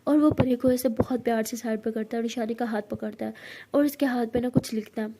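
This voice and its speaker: Woman storyteller, high and warm-toned, chatty retelling. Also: brisk. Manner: lively, retelling with many fillers. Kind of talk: casual story narration.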